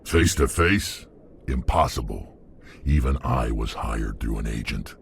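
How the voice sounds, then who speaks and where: An actor playing a blunt, ruthless alien mercenary in a video game, with a deep gravelly growl. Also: male voice, animated, unhurried, a little hiss or hum, full character voice. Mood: cold, blunt. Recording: game music behind. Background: music.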